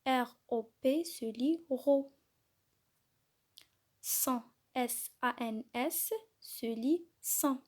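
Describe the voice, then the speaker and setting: A woman teaching young children to read, spelling out letters and syllables slowly and clearly. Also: high-pitched, a little mellow. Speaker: kindergarten teacher. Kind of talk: slow, clearly articulated reading lesson for young children.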